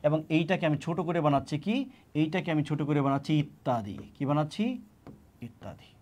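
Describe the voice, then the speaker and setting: A man giving an exam-prep grammar lesson, often repeating key words and asking and answering his own questions. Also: on the high side. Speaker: teacher.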